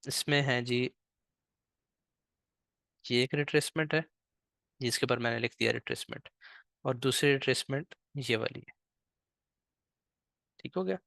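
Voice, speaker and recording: A man leads a live online trading class in a mid-pitched voice. He is patient and slow on purpose, and keeps checking in with his listeners. The sound is dry and close. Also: gravelly, a bit bright, no echo. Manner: patient, repeats "ठीक है" often; speaks slowly on purpose. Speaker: trading teacher.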